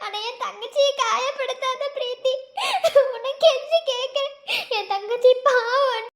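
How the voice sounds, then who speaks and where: A woman's voice: very high voice, fairly quick. A woman voicing a desperate young adult in a cartoon, emotionally begging someone not to hurt their younger sister. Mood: pleading. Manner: pleading, emotional. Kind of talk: cartoon voice acting.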